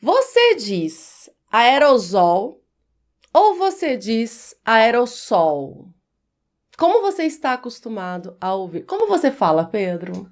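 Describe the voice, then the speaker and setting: A woman teaching Portuguese pronunciation in a video lesson, speaking clearly and quizzing the viewer. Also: fairly high pitch, big pitch swings, normal speed, few pauses, a little mellow.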